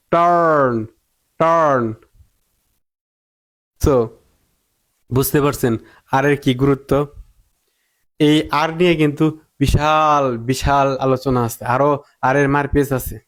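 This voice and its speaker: A man's voice: on the high side, a little mellow. A man teaching English pronunciation, repeating drill words again and again and answering his own questions. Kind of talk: spoken pronunciation lesson.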